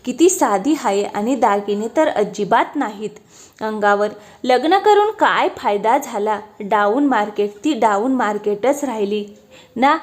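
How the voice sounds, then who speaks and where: A woman's voice: a little high, a little mellow. A woman voicing a proud, boastful young wife who brags about her wealth. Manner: haughty, bragging.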